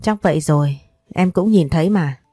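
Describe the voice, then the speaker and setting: A woman's voice: low-pitched, normal speed, warm tone, slightly rough, dry recording, studio quality, faint music behind. Woman voicing a jealous, possessive older man.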